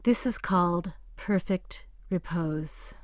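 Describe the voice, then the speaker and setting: Slow, soft-spoken woman guiding a meditation. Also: fairly low pitch, dry recording, studio quality. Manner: soft and calm, drifting into whispers. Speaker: meditation guide. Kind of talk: guided meditation.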